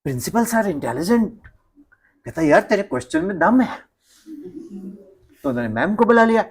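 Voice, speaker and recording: A male physics teacher telling a story to his class, animated and acting out the people in it, mixing Hindi with English physics phrases. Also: sits high, normal speed, slightly rough.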